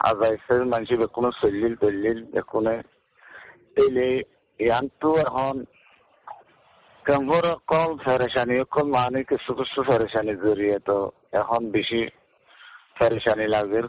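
On a muffled, lo-fi radio recording, a man gives unscripted interview testimony. He speaks haltingly and repeats himself, at an ordinary middle pitch. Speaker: refugee interviewee.

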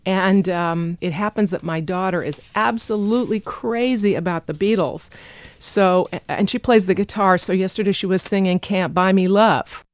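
A woman's voice: mid-range voice, normal speed, no room sound, dull audio. A woman who teaches English pronunciation, explaining in a radio interview and sounding out rhythms with nonsense syllables.

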